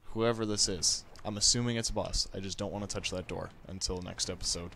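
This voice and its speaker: A man's voice: low-pitched, fairly even intonation, fairly quick, gravelly, bright, forceful tone, slight background noise. A man giving casual let's play commentary on a game, chatting to the enemies and to his viewers. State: hiccups. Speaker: gaming YouTuber.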